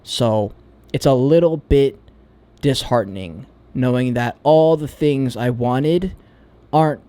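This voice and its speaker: A man's voice: medium pitch, takes it slowly, dark tone, smooth. A man vlogging a candid, reflective monologue about himself. He talks in a searching, hesitant way and swears freely.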